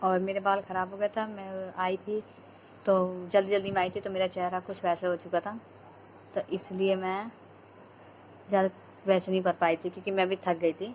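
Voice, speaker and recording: A woman's voice: medium pitch, flat delivery, moderate pace, slight background noise. A young woman, a mother, chattily narrating a home video of her daughter in casual voice-over.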